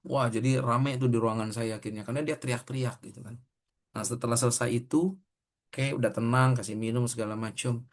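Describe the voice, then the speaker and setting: A man's voice: medium pitch, steady tone, brisk. A middle-aged man, preaching a sermon in a conversational way, telling a story and acting out the quoted dialogue.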